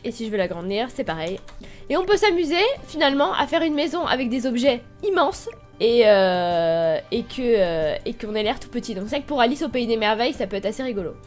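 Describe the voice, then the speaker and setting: Casting: young woman, a bit high-pitched, chatty game tutorial, faint music underneath. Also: very animated, brisk. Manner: chatty, explaining step by step. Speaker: gaming YouTuber.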